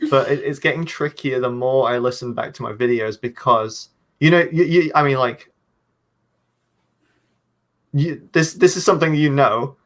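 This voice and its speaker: Speaking at normal speed in a mid-range, slightly nasal and somewhat bright voice, a male video creator chats casually on an online panel. His talk wanders, full of stumbling restarts and self-deprecating jokes.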